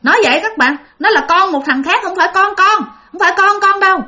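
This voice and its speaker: A woman's voice: very high-pitched, quick pace, sharp tone. A woman telling a ghost story in a casual, chatty way and addressing listeners directly.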